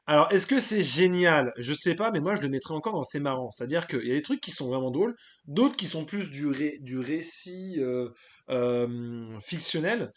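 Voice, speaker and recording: On his live stream, a man talks in a relaxed, rambling way, offering his views and saying hello to people in the chat, with frequent hesitations. His voice is a little high and expressive, at a normal speed.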